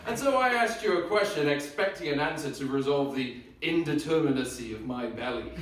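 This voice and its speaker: On stage at a live event, a man performs a spoken-word comedy set, rattling through chaotic, rambling wordplay and acting out both sides of an argument. His voice is a little high, expressive and fairly quick. The distant mic picks up a very echoey room and slight background noise.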